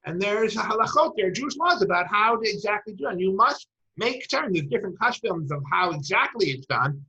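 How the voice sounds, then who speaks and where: A woman teaching a lecture with a bright, forceful voice, working Hebrew terms into her English as she tells old stories. The recording sounds dull and lo-fi. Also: medium pitch, lively intonation, a little fast. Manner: storytelling, retells quoted dialogue.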